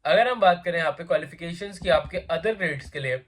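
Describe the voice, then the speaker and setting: A man with a voice on the high side and a slightly fast delivery presents a job vacancy video in relaxed Hindi mixed with English. He sounds like he has a sore throat, coughs occasionally, and chats with viewers using repetitive fillers.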